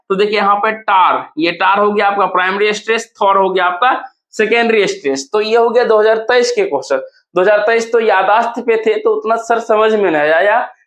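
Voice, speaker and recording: High-voiced teacher in an echoey room. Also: male voice, a bit bright. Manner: repeats words slowly to show stress, asks and answers own questions. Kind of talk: exam-prep lesson.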